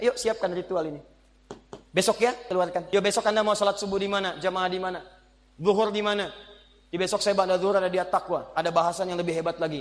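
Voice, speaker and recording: A man preaches a sermon in a high voice, moving from hushed pleading to sharp exclamations. His voice carries a long reverb, as if recorded in a large hall.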